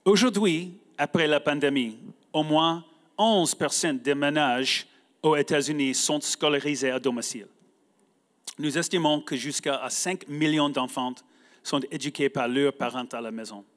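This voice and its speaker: A man from the United States, a native English speaker, giving a prepared talk in halting French with an American accent. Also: a little high. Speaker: guest speaker. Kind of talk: prepared speech read aloud.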